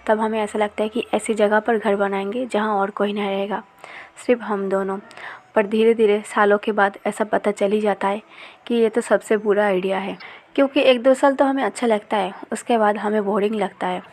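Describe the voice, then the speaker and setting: A woman narrating and explaining a romance story in a steady way. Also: mid-range voice.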